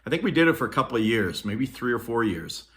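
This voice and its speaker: A middle-aged man from Norway tells childhood stories in a casual, rambling vlog filmed on a phone on a selfie stick, with frequent ums and restarts. His medium-pitched voice is sing-song and a bit bright, and he speaks quickly.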